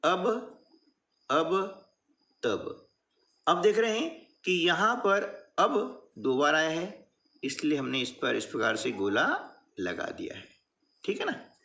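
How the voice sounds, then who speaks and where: A man teaching a workbook lesson in a patient, slow classroom manner, often checking in with the listener. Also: fairly high pitch, very animated, bright, forceful tone. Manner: patient, repeats "है ना" and "ठीक है" often.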